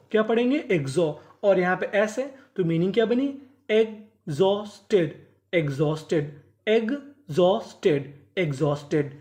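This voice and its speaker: A woman teaching English vocabulary. She spells each word out in letter chunks, asks her own questions, answers them, and repeats each word slowly. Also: on the low side, a little mellow. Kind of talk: spoken vocabulary lesson.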